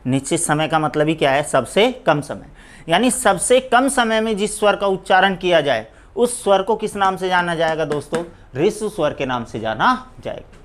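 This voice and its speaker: Male teacher with a Rajasthani Hindi accent, running a live exam-prep class, answers his own questions and dictates slowly. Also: on the high side. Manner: asks questions then answers them himself; repeats "दोस्तों" often. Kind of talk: live online grammar class.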